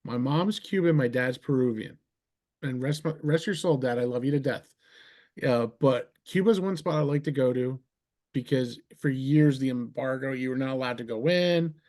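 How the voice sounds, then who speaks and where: A man's voice: medium pitch, a little mellow. A middle-aged man from New Jersey hosting a casual interview, talking in an enthusiastic, rambling way. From New Jersey, USA. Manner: enthusiastic, rambling, quick asides. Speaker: podcast host.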